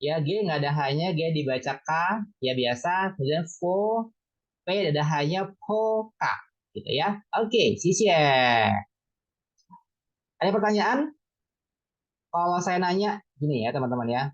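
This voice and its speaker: Teaching online beginners Mandarin through a video call, a woman speaks at a measured pace in a fairly low, expressive voice. She calls students by name, encourages them, and repeats syllables, all captured in slightly dull, lo-fi audio.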